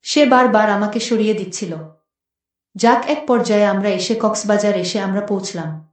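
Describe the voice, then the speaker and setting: A woman tells a first-person story to her listeners in a plain, conversational way. Her pitch is mid-range. The recording has heavy room echo. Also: moderate pace, recorded from a distance. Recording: very echoey room.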